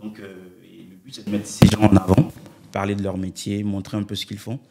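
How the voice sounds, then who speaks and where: A man's voice: lowish voice, monotone, a little fast, mellow. A man hosting a podcast interview, talking casually with lots of hesitations and fillers. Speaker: podcast host.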